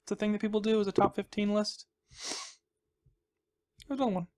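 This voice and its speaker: With a high, steady, slightly mellow voice and a somewhat fast pace, a man runs a gaming channel, offering casual, rambling, goofy commentary full of repeated words and phrases.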